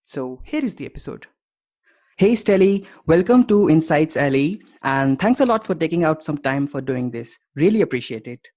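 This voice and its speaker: A man's voice: a little high, expressive, moderate pace, a little mellow. A man hosting a podcast interview over a remote call, reading an introduction and asking short questions. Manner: scripted intro, then short prompts and questions. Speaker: podcast host.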